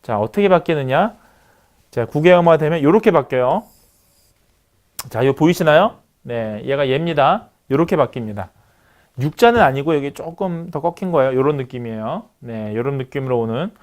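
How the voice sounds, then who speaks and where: Man lecturing with a lively, high voice. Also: normal speed. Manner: explains step by step, many "자" and "네" fillers; writes on screen while talking. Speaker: university lecturer. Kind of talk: recorded online lecture.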